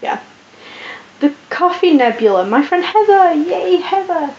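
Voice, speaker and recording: Her voice is very high-pitched and expressive, a little slow and a little mellow, with a croak from lack of sleep. The young vlogger chats through viewer questions in an affected posh British accent, rambling with lots of ums and restarts. Dull lo-fi audio carries faint hiss and the echo of the room.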